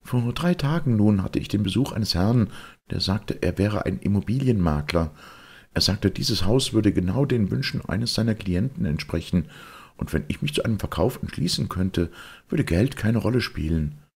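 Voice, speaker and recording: A man's voice: on the low side, expressive, moderate pace, creaky, a little mellow, husky, pitched above the performer's own voice, heavily acted. Man doing a fretful old lady. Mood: indignant. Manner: fretful, scolding. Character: indignant elderly lady of the house.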